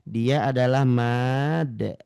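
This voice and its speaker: A man's voice: mid-range voice, vocal fry, smooth. A man teaching Quran recitation in an online class, patiently drawing out and repeating sounds for his students. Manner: slow drawn-out model recitation, repeating sounds; patient, addresses listeners as ladies and gentlemen.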